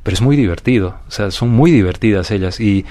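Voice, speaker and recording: A man from Peru, speaking with a Peruvian Spanish accent, is a paranormal investigator appearing as an interview guest. His lowish voice moves a little fast as he reflects calmly and thoughtfully, often restarting and asking "you know?" ("¿sabes?").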